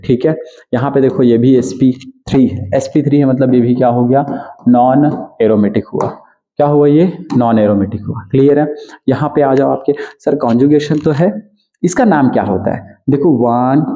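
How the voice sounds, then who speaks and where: A man teaching a chemistry lecture. He asks questions and answers them himself, repeats key terms, and drags key words out slowly. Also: medium pitch, warm tone, dull audio. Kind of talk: exam-prep lecture.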